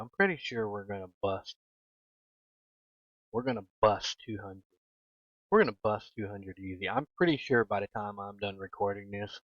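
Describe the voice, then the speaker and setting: A man's voice: lowish voice, no room sound, lo-fi sound. A man giving casual gameplay commentary as a gaming YouTuber, ranting in an exasperated tone and repeating his points for emphasis.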